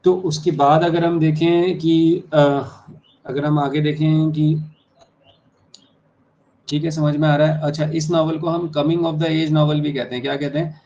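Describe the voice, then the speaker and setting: Man tutoring in a flat, level tone. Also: on the high side. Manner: repeats key terms slowly, spells words out letter by letter. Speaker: English exam tutor. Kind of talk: explaining exam answers to students. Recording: dull lo-fi sound with faint noise.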